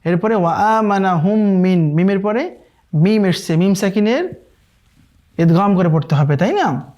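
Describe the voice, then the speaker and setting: A man teaches Quran recitation in an online lesson. He explains the rules briskly and keeps asking his listeners whether they follow. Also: high-pitched, lively intonation, darkish tone, lo-fi sound. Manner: explains quickly, then recites verses slowly and drawn out; often checks in with listeners asking "okay?".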